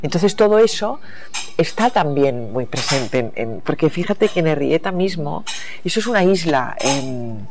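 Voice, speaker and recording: A female novelist from the United States speaks in a reflective interview, her low-pitched voice animated and moderately paced against a noisy background. Searching for her words, she often restarts her thoughts mid-sentence.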